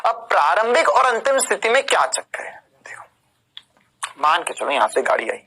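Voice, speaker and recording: A man's voice: high voice, wildly swooping pitch, moderate pace, bright, forceful tone, slightly rough, poor audio. A man teaching physics in an online exam-prep lecture, emphatic and informal, checking in with his students by tag question and calling them kids and brother. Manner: emphatic, repeats tag questions, calls students 'beta' and 'bhaiya'; informal joking asides while explaining.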